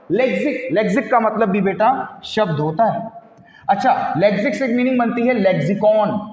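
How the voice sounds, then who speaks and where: Hindi-speaking man teaching vocabulary, echoey. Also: sits high. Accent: Indian English. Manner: spells words letter by letter, addresses students as "dear children". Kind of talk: exam-prep vocabulary lesson. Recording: echoey roomy reverb, dull lo-fi sound.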